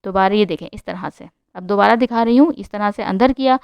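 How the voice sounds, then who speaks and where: A woman hurries through a sewing tutorial voice-over, talking fast and showing each step. Her voice is smooth and clear, and the recording is dry and close with no room sound. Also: mid-range voice, no room sound, lo-fi sound. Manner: rushed, instructive, repeats "like this".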